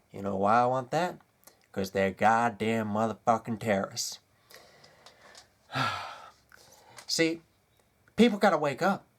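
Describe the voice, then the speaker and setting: A man delivering a comedic character rant, lurching between low mutters and loud outbursts.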